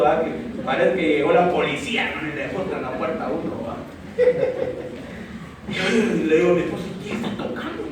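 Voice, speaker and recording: Man, pastor preaching, high lively voice, booming hall echo. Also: far from the mic, noisy background. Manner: emotional storytelling, voice climbing high and shouting in places. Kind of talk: sermon. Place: church hall. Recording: echoey church hall, from the mic.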